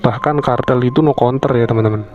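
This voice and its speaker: A man with a bassy voice, hosting a casual video commentary and addressing viewers informally, sometimes crudely. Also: fast talker, a little mellow, a little hiss or hum. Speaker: YouTube host. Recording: dull lo-fi audio, music behind. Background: prominent background music.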